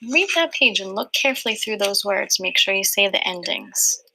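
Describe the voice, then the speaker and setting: A woman teacher leading a small-group reading lesson with young children, asking patient, slow questions. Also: mid-range voice, expressive, vocal fry, pushed and bright, rough recording.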